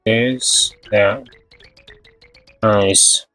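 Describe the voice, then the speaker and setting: A game streamer with a lowish voice talks very slowly in a steady tone that sounds pushed and bright, with soft music in the background. It's casual livestream gameplay chat, and he thinks aloud in short, hesitant fragments.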